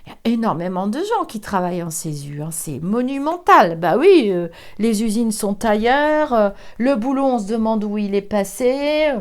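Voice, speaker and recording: A woman's voice: mid-range voice, very animated, normal speed. A woman, older, giving a chatty psychic card reading, laughing often and sometimes dropping to a whisper. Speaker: psychic reader. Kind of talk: casual tarot reading chat.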